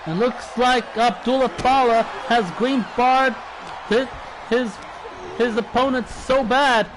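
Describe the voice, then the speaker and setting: High-pitched shouting male wrestling commentator. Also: steady tone, slow. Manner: shouted, dramatic delivery. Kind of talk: excited wrestling play-by-play commentary. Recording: noisy recording with loud crowd.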